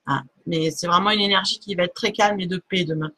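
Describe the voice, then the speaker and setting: A woman's voice: lowish voice, steady tone, brisk, bright, forceful tone. A woman giving a live oracle card reading on a stream, casual and hesitant, stopping often to search for words. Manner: many fillers and restarts, laughs at herself.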